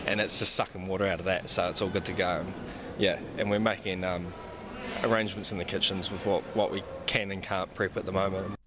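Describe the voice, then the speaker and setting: A man's voice: low voice, a little fast, noisy background. A man, a head chef, speaking casually with hesitations in an interview recorded outdoors on a city street. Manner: relaxed, hesitant, with fillers.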